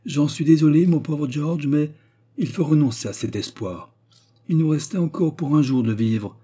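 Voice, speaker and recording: A man's voice: on the high side, normal speed, mellow, husky, voice pushed up. A man voicing an earnest, lovesick young baronet in a read-aloud classic story, speaking in a pleading, heartfelt way. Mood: grave.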